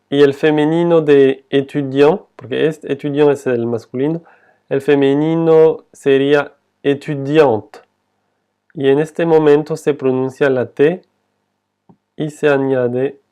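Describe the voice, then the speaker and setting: Slow, clear-voiced man teaching French. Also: mid-range voice, warm tone. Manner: repeats words slowly and carefully. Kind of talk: slow, patient language lesson.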